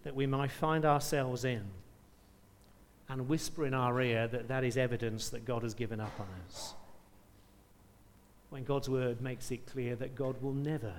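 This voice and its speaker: A man's voice: medium pitch, little pitch movement, normal speed, pauses often, in a large hall, slight background noise. A man preaching a sermon, reading scripture aloud with rising emphasis and asking rhetorical questions.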